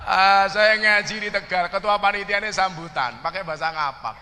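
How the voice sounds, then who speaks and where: A Javanese-accented man gives a comic religious sermon to an assembled audience, poking fun at regional dialects and questioning the crowd directly. His sharp voice sits high at normal speed, with faint background noise and long reverb from the hall.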